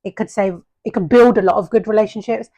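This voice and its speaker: A woman's voice: mid-range voice, fast talker, dark tone, lo-fi sound. A woman co-hosting a casual podcast, talking earnestly in long, explanatory run-on points. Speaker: podcast co-host. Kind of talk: casual chat.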